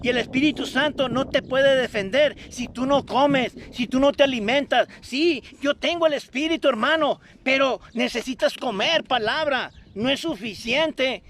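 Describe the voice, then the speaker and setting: A man with a strikingly high-pitched voice preaches a sermon for an online broadcast. He exhorts the listeners fervently, circling back to the same phrases again and again. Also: a bit bright. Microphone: streamed broadcast.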